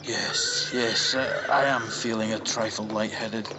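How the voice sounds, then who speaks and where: A man acting a fussy, hesitant Victorian gentleman doctor with a halting, genteel, stuffy manner in a radio drama. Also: lowish voice, fairly even intonation, background noise, natural voice. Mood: hesitant, sceptical.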